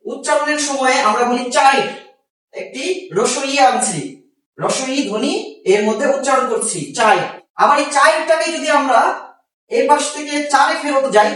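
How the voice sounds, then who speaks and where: A man with a Bangladeshi Bengali accent, teaching a grammar lesson slowly and repeating each example. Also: extremely high pitch, fairly bright tone. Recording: very echoey room, far from the mic.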